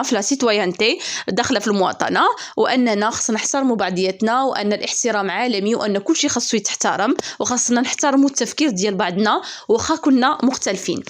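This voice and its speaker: A young Moroccan woman teacher patiently explaining a lesson, slipping French terms into her talk. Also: medium pitch.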